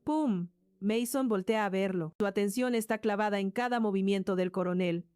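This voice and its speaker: A woman's voice: mid-range voice, normal speed, mellow, clear, resonant tone, no room sound, clean studio sound. A woman narrating a story in a scripted way, voicing sound effects like crashes and thuds along the way.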